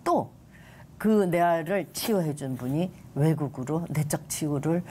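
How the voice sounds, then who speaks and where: A woman's voice: sits low, a little slow, dark tone, husky. An older woman, a guest on a television talk show, giving an emotional personal faith testimony that rises and falls dramatically. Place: TV studio.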